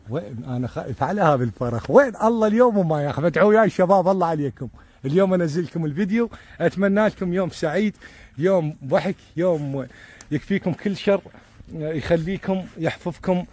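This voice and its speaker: A man with an Iraqi accent giving casual, excitable commentary to viewers as he films his pigeons outdoors, repeating words and dropping religious blessings. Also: on the high side. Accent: Iraqi Arabic. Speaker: pigeon keeper filming his birds.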